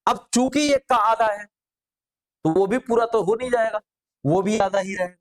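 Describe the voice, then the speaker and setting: A man's voice: sits high, normal speed. A middle-aged man teaching a grammar class, drilling students with repeated rhetorical questions.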